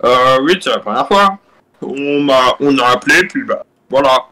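A man's voice: mid-range voice, animated, moderate pace, bright, forceful tone. A man in a live game role-play, speaking hesitantly with many fillers.

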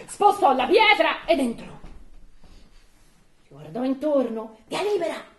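A woman reading a folk tale aloud at a live evening event, expressive with laughing asides. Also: high-pitched, slow. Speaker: storyteller. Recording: echoey room.

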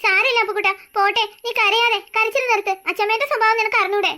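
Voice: very high-pitched, steady tone, quick pace, sharp tone. A voice actor playing a caring older sister girl in a cartoon story, who coaxes and soothes her little brother. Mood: soothing. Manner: soothing, coaxing.

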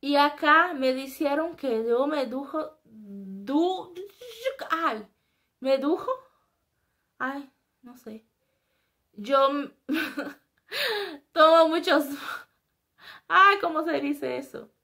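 A young Brazilian woman speaks Spanish with a Brazilian Portuguese accent, her voice sitting high and her delivery extremely slow with long pauses. She chats to camera in a casual, self-mocking vlog, animated in her faces and gestures. She's in a small indoor room in front of a flag.

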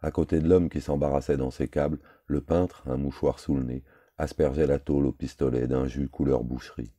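A man reading a novel aloud in a measured, terse storytelling manner. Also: very deep voice, steady tone, warm tone, husky, dry recording. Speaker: audiobook reader. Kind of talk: scripted novel narration.

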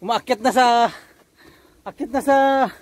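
A man's voice: very high-pitched, unhurried. A man vlogging casually on a rocky seashore, panting and effortful as he climbs, recorded on a handheld camera. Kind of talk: casual vlog narration.

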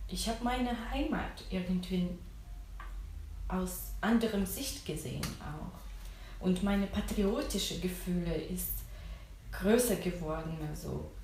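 A woman's voice: on the low side, slow pace, a little mellow. A woman from Ukraine, telling her story as an interviewee and searching hesitantly for words. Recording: echoey room from far off.

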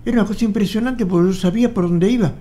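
Sitting for a studio interview in a room with wall photos, an Argentine man in his eighties animatedly recounts his story and acts out old conversations. His voice is high-pitched, very fast and warm, with an Argentine Spanish accent, recorded through a studio mic on a boom arm.

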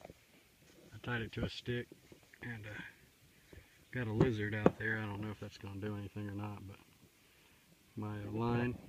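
A middle-aged man, casually vlogging by a creek in the woods, talking in a folksy, rambling way with lots of fillers. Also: on the low side. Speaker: outdoor survival vlogger. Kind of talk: casual outdoor vlog. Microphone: handheld camera at arm's length. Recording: outdoor camera mic, noisy.

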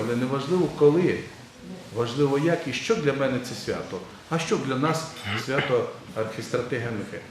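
Preaching bishop in a very echoey church. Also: male voice, medium pitch. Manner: conversational preaching, quizzing the congregation. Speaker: Orthodox metropolitan bishop. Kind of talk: sermon. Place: large church. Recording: very echoey church with faint ambient noise.

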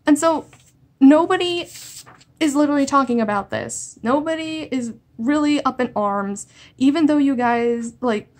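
A woman's voice: high-pitched, moderate pace. A woman ranting in a vlog, exasperated and sarcastic, often stumbling and restarting her sentences. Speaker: comic-book video blogger.

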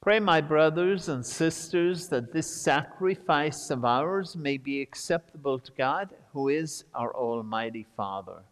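A priest leading the prayers of Mass, intoning slowly and steadily as a cathedral echo trails after his words. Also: fairly high pitch, animated. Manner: slow, measured intoning. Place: large church. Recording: long church reverb.

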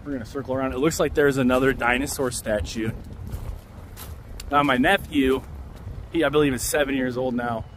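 With a mid-range, fairly bright voice and fairly even intonation, a man in his thirties narrates a casual walking tour, speaking fairly quickly but with long pauses. He points things out and muses aloud along a busy city street, recorded on a handheld camera mic with a front selfie view and faint traffic noise.

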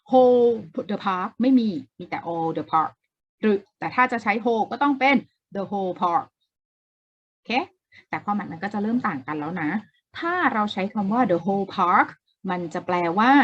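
A woman's voice: medium pitch, breathy edge, lo-fi sound. A woman teaching an English exam-prep lesson in a casual way, explaining step by step, repeating key words and asking the viewer questions.

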